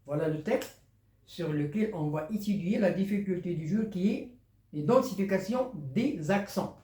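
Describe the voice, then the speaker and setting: A teacher explaining a French spelling lesson, slow, repetitive and patient. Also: mid-range voice, mellow. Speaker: primary school teacher. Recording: roomy, distant from the mic.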